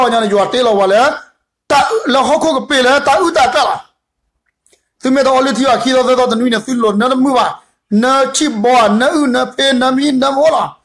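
A man with a strikingly high voice leads a Bible study as its teacher. He tells the story in a loose, rambling way, circling back over the same phrases and padding them with fillers. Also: a bit bright.

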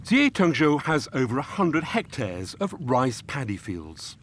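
A man giving measured, scripted documentary narration. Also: mid-range voice, sing-song, noisy background.

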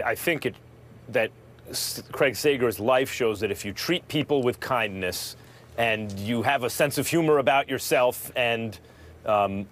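A middle-aged man co-hosting a sports talk show, speaking in a measured, thoughtful way with halting restarts. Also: medium pitch. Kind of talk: conversational sports talk tribute.

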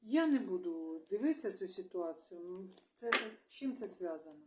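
A Ukrainian woman, a tarot reader, talking alone to her viewers in a halting way, thinking aloud and murmuring small agreements to herself. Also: on the low side, lively intonation, background noise. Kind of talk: solo video monologue. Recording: echoey room.

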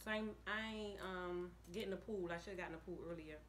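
A woman's voice: on the low side, fairly even intonation, quick pace, fairly bright tone, a little hiss or hum. A woman chatting casually to her viewers while chewing food. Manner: laid-back, chatty, talks straight to viewers. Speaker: mukbang vlogger. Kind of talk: casual chat.

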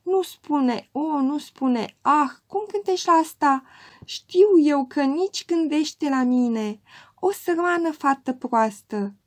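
A woman's voice: high voice, lively intonation. A woman voicing a naive young girl in love, who speaks in a breathless, pleading way. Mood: shy.

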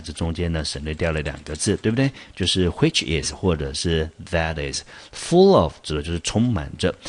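A man from Taiwan teaching English vocabulary, explaining patiently with many rhetorical questions and reading English examples slowly. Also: sits low. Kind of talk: vocabulary lesson.

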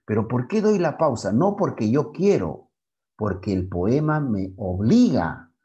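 Slow, animated male teacher. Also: mid-range voice, lo-fi sound. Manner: slow, lively delivery with frequent "¿ya?" and "¿ok?" check-ins; declaims verses with deliberate pauses. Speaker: secondary school literature teacher. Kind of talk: online class, explaining and reciting poetry.

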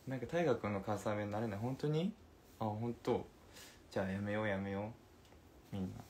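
A young man in his twenties chats casually on a phone livestream, playful and giggly as he answers comments. His voice sits a little low for a man. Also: fairly quick, a little mellow, slight background noise. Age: 20s. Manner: playful and chatty, giggles between remarks. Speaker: livestream host.

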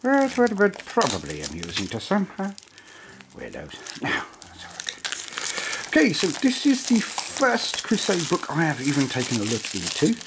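Rambling man, lively pitch. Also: moderate pace, few pauses, noisy background. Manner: rambling and digressive, self-described waffler. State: tired. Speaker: hobby channel host reviewing a game book. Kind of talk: casual chat.

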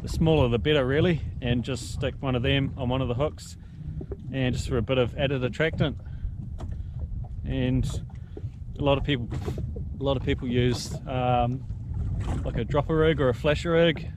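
A relaxed man in his thirties from New Zealand walks through his fishing setup in a plain, practical way while out on a jet ski. His voice sits at an ordinary middle pitch. Wind and water rush loudly around the action-camera mic. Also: moderate pace. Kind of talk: casual how-to narration. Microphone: action camera mounted on the craft. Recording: windy outdoor action-camera audio. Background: wind and water noise.

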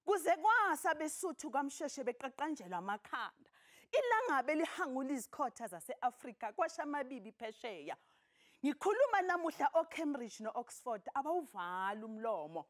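A middle-aged South African woman teaching a poetry lesson, speaking in an emphatic, expressive, declamatory way. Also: sits high, normal speed. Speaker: television teacher. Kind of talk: poetry lesson, reading and explaining. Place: television studio, indoors.

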